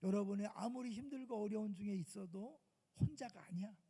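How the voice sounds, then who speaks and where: Raspy high-voiced preacher in a church. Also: male voice, a little fast. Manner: emphatic preaching, swings to loud outbursts and hushed asides. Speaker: senior pastor. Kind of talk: sermon. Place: church sanctuary. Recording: long church reverb.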